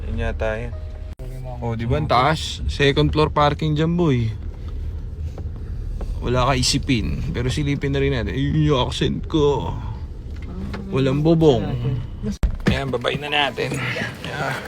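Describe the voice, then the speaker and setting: A man's voice: medium pitch, unhurried, long pauses, faint music behind. A man from the Philippines, a used car seller, chatting and joking as he shows off cars in a casual vlog at a parking garage. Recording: noisy outdoor ambience.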